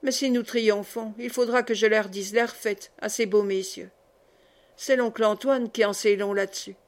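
A woman reading the part of an earnest young male worker in love, speaking tenderly and gravely in an audiobook. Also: mid-range voice, steady tone, normal speed, close to an everyday voice.

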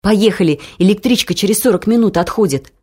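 A woman reading the lines of a timid, squeaky young mother in an audiobook story. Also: a little fast, a little mellow, breathy edge, natural voice. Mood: indignant. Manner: squeaky, meek yet stubborn.

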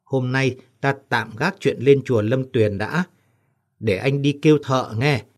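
A man's voice: mid-range voice, unhurried, a little mellow, close to an everyday voice. A man voicing a hasty, worried middle-aged village husband in an audiobook story. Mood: urgent.

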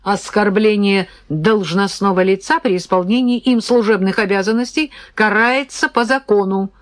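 A woman's voice: fairly high pitch, expressive, normal speed, no echo, pitched above the performer's own voice, natural voice. A stern police major, voiced by a woman reading an audiobook, speaking in a curt, bureaucratic tone that is slightly raised. The recording is dry and close. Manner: curt official tone.

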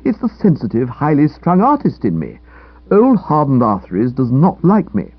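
Playing the same sulky young upper-class English writer in a comic audiobook, the performer grumbles with aggrieved, theatrical drama. His husky mid-range voice swoops wildly in pitch at a moderate pace, with no echo but a dull, lo-fi radio-like quality.

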